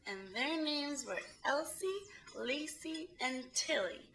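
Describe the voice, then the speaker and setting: A tiny, drowsy and touchy dormouse, played by a woman, with a very high, bright voice. It rambles along like a storyteller in a homemade audio play. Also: expressive, slow pace, exaggerated voice, low-quality recording. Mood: defensive, rambling. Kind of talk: amateur student audio drama.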